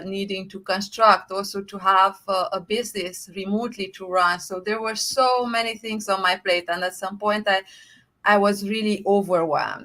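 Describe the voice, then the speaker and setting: A woman with a Romanian accent speaks over a video call as an interview guest. Her voice is bright and clear, set at a middle pitch. She talks with eager enthusiasm and drifts from point to point, filling the gaps with "uh". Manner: enthusiastic, rambling with frequent fillers. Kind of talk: conversational interview.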